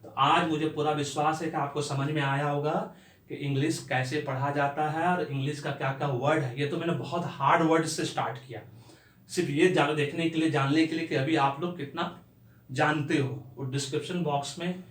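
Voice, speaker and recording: A man's voice: fairly high pitch, fairly bright tone. A man teaching an English lesson in an explanatory way, spelling words out letter by letter, recorded with roomy echo from a distance from the mic. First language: Bengali.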